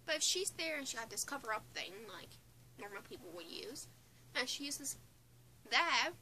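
Speaking at normal speed, this teenage vlogger, eighteen and from Newfoundland, Canada, sounds bright, forceful and very animated, her voice sitting high. She chats casually about her opinions into a phone or webcam placed close in front of her, giggling and restarting as she rambles. She is indoors in a small bedroom under a bunk bed, with a Newfoundland English accent.

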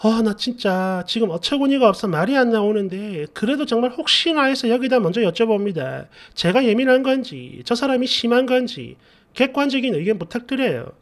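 High-voiced man reading a story. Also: animated, a little fast. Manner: conversational, complaining storytelling. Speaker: story channel narrator. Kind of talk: first-person reading of a community post.

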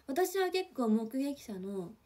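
A young woman chatting on a livestream in a fairly high, mellow voice with a husky softness. She gushes and rambles with lots of fillers and now and then drops into a whisper. She sounds relaxed, as if she is reading comments to fans. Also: takes it slowly. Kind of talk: casual livestream chat. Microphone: phone or webcam for a livestream.

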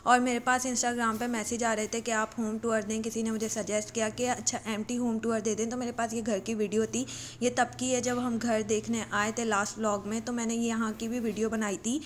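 A woman's voice: fairly high pitch, flat delivery, brisk, a little hiss or hum. A woman from Pakistan narrating a casual shopping vlog, chatty and rambling, with fillers and self-corrections. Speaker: vlogger. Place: shops and supermarket, partly voice-over.

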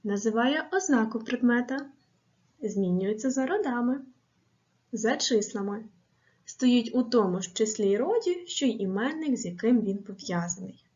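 A woman teaching a grammar lesson to schoolchildren on video, speaking slowly and clearly and asking and answering drill questions. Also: a little high, animated, a little mellow, dull audio.

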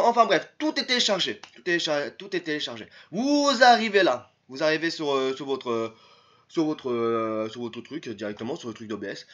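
Young french guy rambling thru a tutorial, kinda high voice, bit muffled. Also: a bit bright. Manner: chatty, repetitive, keeps saying "les potos"; rambling, with many restarts and "hop". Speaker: tutorial youtuber. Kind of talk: casual screen-recorded tutorial.

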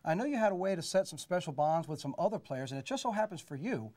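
In a TV sports interview on a studio set, a man in his forties asks a former player long, enthusiastic questions through a lapel mic. His voice is a little high and darkish with big pitch swings, and his storytelling questions are brisk.

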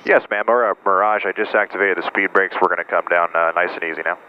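A man flying a small plane narrates his approach and makes radio calls in clipped checklist call-outs, giving cockpit commentary in flight. His low voice is steady and quick-paced. The cockpit audio is lo-fi, noisy and band-limited.

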